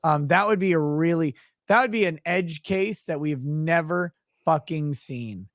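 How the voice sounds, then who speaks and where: A man's voice: a little high, unhurried, no room sound, clean studio sound. A man hosting a casual livestream, reading chat messages aloud and joking crudely.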